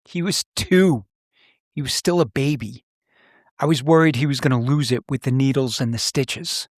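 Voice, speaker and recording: A middle-aged former police officer who now hosts a podcast shares personal stories in conversation, serious, plain-spoken and reflective. His voice sits in the mid range at a normal speed. The studio-quality recording has no echo.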